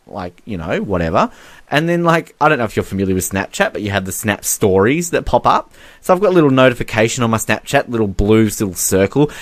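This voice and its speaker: A young man co-hosting a podcast in casual chat, animated and laughing, full of fillers. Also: fairly low pitch, no room sound. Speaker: podcast co-host.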